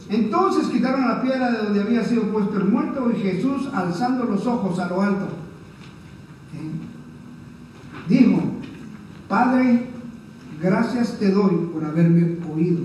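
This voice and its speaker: A male pastor with a high, slightly mellow voice preaches earnestly in a church hall, chatting with his listeners and often asking "¿verdad?" His voice is picked up from afar in the echoey room, with a little background noise.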